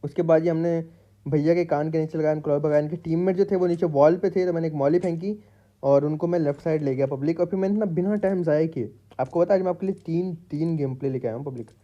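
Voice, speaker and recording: With a warm voice on the high side, a man races through a casual gameplay voice-over for his channel, cracking jokes and speaking right to his audience. The lo-fi recording was made in his home room, which he shares with pet parrots.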